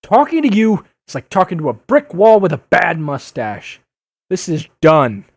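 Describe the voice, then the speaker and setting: An earnest young masked superhero played by a man in an audio drama. His pitch swings widely as he speaks, impassioned and exasperated, with a wisecracking edge. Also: wildly swooping pitch, moderate pace, full character voice.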